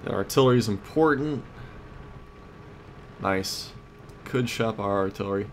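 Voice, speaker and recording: Here a gamer hosting a let's play series chats casually, thinking aloud in short tactical remarks. His voice is lowish and a little slow. Vehicle and battle sounds from a tank game come through clearly behind him.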